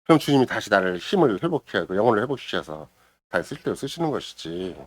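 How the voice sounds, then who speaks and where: Middle-aged male preacher delivering a sermon, hugely expressive pitch, dramatic loud-to-hushed swings, dry close recording. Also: fast talker, no echo. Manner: preaches with sweeping swings between loud exclamation and hushed near-whisper; acts out quoted voices and prayers dramatically. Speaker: pastor. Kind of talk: Sunday morning sermon. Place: church sanctuary.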